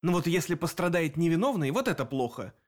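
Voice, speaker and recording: A man reading an audiobook, voicing a sly, mocking male demon investigator who talks quickly. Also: on the high side, sing-song, voice pushed up. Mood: dry.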